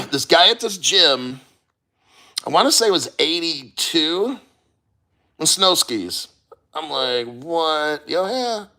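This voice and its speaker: A man with a slightly high, forceful voice chats casually to livestream viewers. He speaks slowly and haltingly, clearing his throat and sounding strained by cold. His manner is blunt and peppered with swearing. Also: big pitch swings. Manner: halting, sighing, throat-clearing while enduring icy water. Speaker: livestreamer reading viewer comments.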